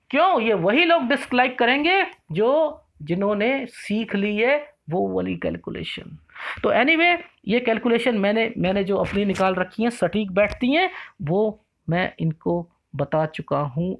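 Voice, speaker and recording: Man, palmistry teacher, gravelly voice with lots of fry, rhetorical questions, lively explaining. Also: sits high. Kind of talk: explaining palm lines in a teaching chat.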